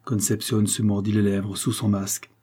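A man narrating an audiobook with a measured, steady literary reading. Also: on the low side, breathy edge. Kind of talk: scripted narration.

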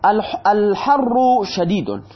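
A man's voice: sits high, big pitch swings. A male teacher giving a grammar lesson, patiently repeating examples and asking questions that he then answers himself. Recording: dull lo-fi recording.

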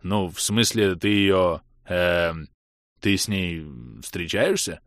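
A man voicing a rough, brash young male friend who talks in blunt slang, in an audiobook reading. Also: sits low, slow pace, no echo, studio quality. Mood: casual.

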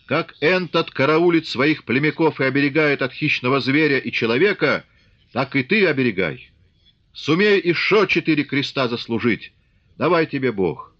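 A man's voice: mid-range voice, animated, moderate pace, highs cut off, voice pushed up, lightly acted. A man voicing an old Cossack man with a crutch, solemnly blessing a young leader in an audiobook.

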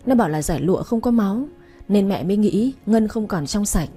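A woman voicing a domineering middle-aged mother-in-law who scolds loudly in an audio story. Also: medium pitch, expressive, brisk, soft background music, natural voice. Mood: backing down. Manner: scolding, loud.

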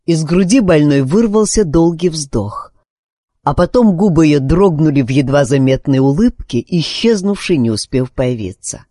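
A man reading a novel aloud in an expressive, measured narration. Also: on the high side, no room sound, studio quality. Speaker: audiobook narrator. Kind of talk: scripted narration.

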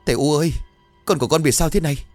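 A man's voice: on the high side, racing, a little mellow, no echo, soft background music, pitched above the performer's own voice, natural voice. A man voicing a young father who stammers and cries out in panic. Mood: panicked. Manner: stammering, crying out.

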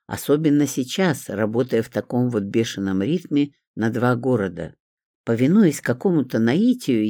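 Lively audiobook narrator, dry close sound. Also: mid-range voice, dry recording. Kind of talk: expressive first-person audiobook narration.

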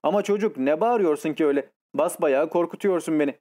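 A woman's voice: sits low, fast talker, warm tone. A man reading an audiobook and voicing a playful young woman who coaxes and mocks. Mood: mock-frightened. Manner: coaxing, mocking.

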